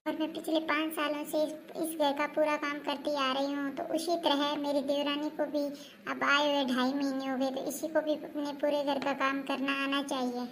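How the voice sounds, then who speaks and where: A woman's voice: sits high, flat delivery, moderate pace, slight background noise. Woman playing an insistent elder daughter-in-law. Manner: argumentative, insistent. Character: assertive elder daughter-in-law, demanding fairness. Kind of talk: comedic family skit.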